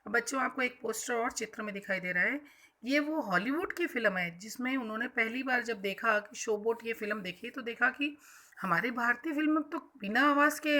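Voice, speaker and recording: A woman's voice: on the high side, bright, forceful tone. A woman school teacher explaining a textbook chapter to children, defining hard words simply and repeating herself as she goes.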